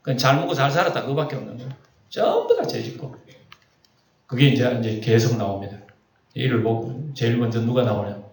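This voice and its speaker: Lively preaching man in an echoey church. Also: mid-range voice, brisk, distant mic, a little hiss or hum. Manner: lively, colloquial preaching with rhetorical questions. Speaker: pastor. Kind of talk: sermon. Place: church sanctuary.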